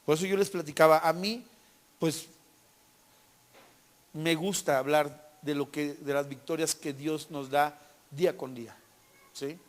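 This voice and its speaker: Animated Mexican man telling a faith story. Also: on the high side, unhurried, long pauses. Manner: animated storyteller who acts out dialogue and keeps checking with "¿sí?"; repeats and restarts words. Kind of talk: personal faith testimony.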